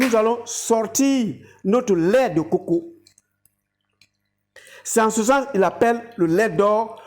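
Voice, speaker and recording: A woman speaks as a health educator in a mid-pitched voice. She explains things didactically and addresses her viewers directly, as in a practical demonstration. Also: a little mellow.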